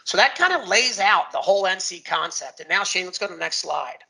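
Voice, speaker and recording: A man with a gravelly, fairly high voice and a bright, forceful edge gives an informal presentation. He talks in a folksy, emphatic way as he hosts the event. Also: lively intonation, brisk. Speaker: presenter and moderator of a launch event.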